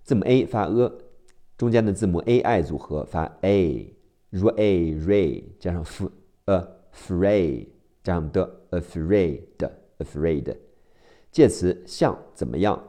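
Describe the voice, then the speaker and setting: Deep-voiced guy teacher spelling out english words letter by letter, real slow, kinda dark mellow tone. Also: lively intonation. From China. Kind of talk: spelling and pronunciation drill.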